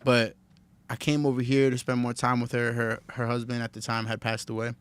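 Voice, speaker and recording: A man in his late twenties from New Jersey chats as a podcast guest, relaxed and friendly, often breaking into laughter. His voice has an everyday middle pitch. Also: fairly quick, smooth. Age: 20s. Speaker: podcast guest, tattoo artist. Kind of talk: casual chat.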